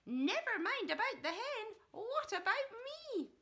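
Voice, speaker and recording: A woman voicing a loud old grandmother who shouts emphatically and demands attention, in a children's storybook reading. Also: very high-pitched, very animated, pitched above the performer's own voice, heavily acted. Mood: loud, indignant. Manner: shouting, emphatic, drawn-out words.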